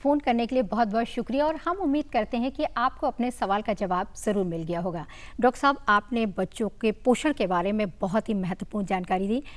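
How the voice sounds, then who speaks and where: A woman's voice: medium pitch, a little fast. A woman hosting a TV health show, speaking in a polite, formal presenter's manner. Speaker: TV show host. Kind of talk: broadcast hosting.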